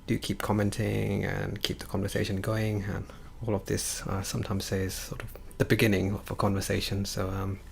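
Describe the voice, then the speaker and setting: Brief: male stream host, very gravelly, low and flat, easygoing sign-off. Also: normal speed, hardly any pauses. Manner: relaxed, filler-laden wrap-up.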